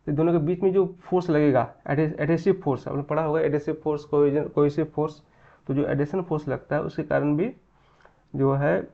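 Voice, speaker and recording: A man teaching a physics lesson in mixed Hindi and English, repeating key phrases slowly and answering his own questions. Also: on the high side, gravelly, lo-fi sound. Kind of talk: Hindi-English mixed exam-prep lecture.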